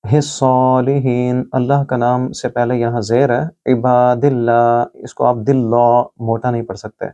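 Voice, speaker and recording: A man teaching prayer recitation in a Pakistani Urdu accent, patiently explaining each letter and reciting phrases slowly. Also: medium pitch, flat delivery, dark tone, muffled recording. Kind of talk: tajweed lesson with slow recited examples.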